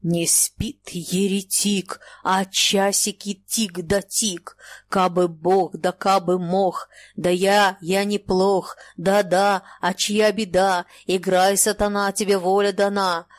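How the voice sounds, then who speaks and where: A woman voicing a frenzied male holy fool, chanting slow rhyming prophecies in a sing-song way. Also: medium pitch, animated, no echo.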